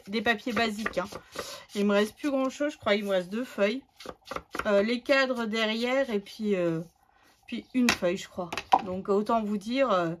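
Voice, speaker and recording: Chatty woman crafting slowly. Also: on the high side, background noise. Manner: chatty, thinks aloud while working, many fillers. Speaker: scrapbooking tutorial host. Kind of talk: casual crafting tutorial.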